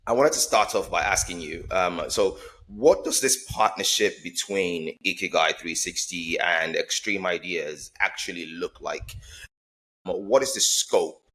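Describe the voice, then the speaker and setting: Deep-voiced man hosting, full of fillers. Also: a little slow, fairly bright tone. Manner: rambling, many fillers and restarts. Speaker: podcast host. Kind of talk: conversational interview.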